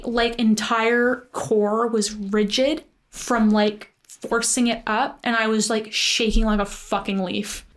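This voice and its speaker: A young woman casually telling a story, chatty and full of "like" fillers, animated in her retelling. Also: fairly high pitch.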